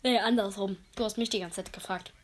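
A woman's voice: mid-range voice, fairly even intonation, quick pace, a little hiss or hum. A young woman chatting casually and laughing at herself during a quiz with a friend. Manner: giggly, self-mocking, slangy. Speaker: podcast co-host. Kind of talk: casual chat, New Year quiz.

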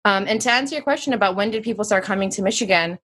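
This American woman in her thirties talks rapid-fire in a mid-range, fairly bright voice. She's a guest in a casual interview, chatty and reflective, with plenty of fillers.

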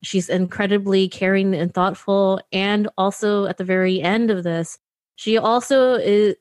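A woman's voice: mid-range voice, fairly even intonation, unhurried, darkish tone, dry recording. Chatty woman thinking aloud, dry sound. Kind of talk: casual debate chat.

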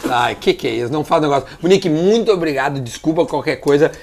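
A man's voice: fairly high pitch, expressive, fast, darkish tone. A man hosting a casual, teasing chat at a barbecue. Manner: playful, teasing, rambling. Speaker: host. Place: barbecue gathering. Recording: crowd chatter behind.

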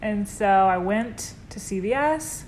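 A woman's voice: mid-range voice, expressive, slow pace, a little mellow, a little hiss or hum. A woman co-hosting a podcast at home on the couch, chatting in an easygoing, giggly way. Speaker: podcast co-host. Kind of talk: casual chat.

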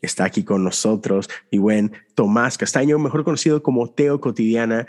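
A man's voice: mid-range voice, fairly even intonation, normal speed, darkish tone. A young Mexican man hosting a podcast in a friendly, rambling conversational way. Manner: friendly, rambling, frequent fillers and restarts. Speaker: podcast host. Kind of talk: casual conversational interview.

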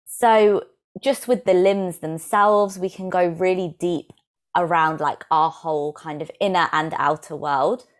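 A woman from England, a yoga teacher, calmly explaining practices in a podcast interview. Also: on the low side, measured pace.

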